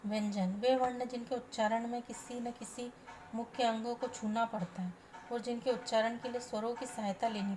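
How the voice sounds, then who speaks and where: A woman teaching a grammar lesson, her voice sitting a little high yet soft and mellow in tone. She reads in a measured, orderly way and recites letters one at a time, with a faint hiss of noise behind her. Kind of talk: read-aloud grammar lesson.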